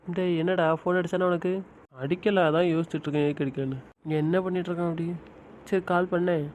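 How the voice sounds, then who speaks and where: A man's voice: sits high, steady tone, fast, darkish tone. A man acting a pushy friend who fires off questions and scolds in an amateur web drama. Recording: muffled, faint background hiss.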